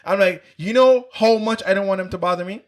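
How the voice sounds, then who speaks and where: A middle-aged man from Antigua, co-hosting a podcast, talking in an animated way, swearing and jumping in. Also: sits high, brisk. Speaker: podcast co-host. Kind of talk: casual chat.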